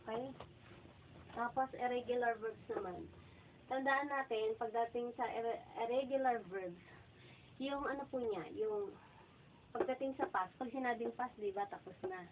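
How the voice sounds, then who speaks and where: A woman with a fairly high voice teaches grammar in a casual online lesson. She goes slowly through verb forms and keeps checking "okay?" with her viewers. The sound is thin and phone-like, with a faint hiss behind her. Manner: keeps asking "okay?" and saying "guys". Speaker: English teacher.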